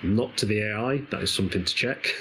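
A man's voice: fairly low pitch, a little fast, a bit bright, a little hiss or hum, poor audio. An English man with an East Midlands accent, chatting casually and rambling while commentating a co-op game, laughing often. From England. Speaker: gaming channel host.

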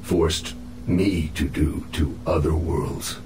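A man voicing a captive alien infiltrator in a video game, solemn, proud and menacing, with formal, measured speech. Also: very deep voice, steady tone, reverberant, noisy background. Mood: grim, resigned. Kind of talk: video game cutscene acting.

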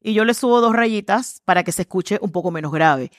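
A middle-aged woman, a communications trainer, talking with lots of energy in a low voice and acting out quoted voices as she tells stories in an interview. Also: a little fast, no echo, clean studio sound. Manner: acts out quoted voices, lively storytelling. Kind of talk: animated interview conversation.

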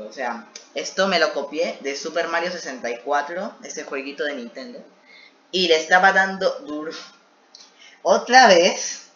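A man's voice: on the high side, bright, forceful tone, a little hiss or hum. A man reading his old homemade story aloud and mocking it with joking asides. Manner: self-mocking, joking asides between read passages. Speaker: video creator reacting to his own old series. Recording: echoey room, dull lo-fi sound.

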